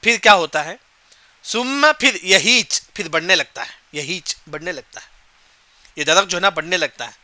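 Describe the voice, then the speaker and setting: Male Quran teacher with a high, very bright voice, dry recording, explains word by word and chants verses. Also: dry recording. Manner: explains Arabic words slowly, repeats key points. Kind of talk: Quran commentary lesson.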